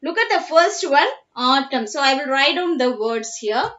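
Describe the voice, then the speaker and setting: Slow patient Malayali woman teacher. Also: high-pitched, sing-song, a bit bright. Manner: slow, repeats each word patiently, mixes in Malayalam. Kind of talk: online class lesson. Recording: dull lo-fi sound.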